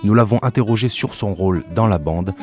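Male reporter, scripted narration, low voice, guitar music behind. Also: brisk. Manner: even, read-aloud delivery.

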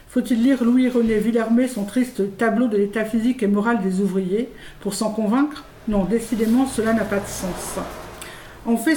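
Reading satirical commentary from a script, a female radio show presenter takes a formal, rhetorical, declamatory tone. She has a slightly high voice with a dark tone, captured in a roomy space with faint noise in the background.

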